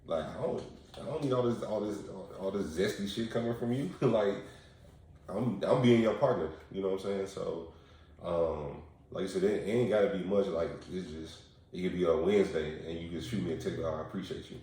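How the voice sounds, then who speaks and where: Deep-voiced man, distant and echoey. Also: fairly quick, mellow. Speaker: podcast co-host. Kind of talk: casual chat. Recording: very echoey room, distant mic, faint noise.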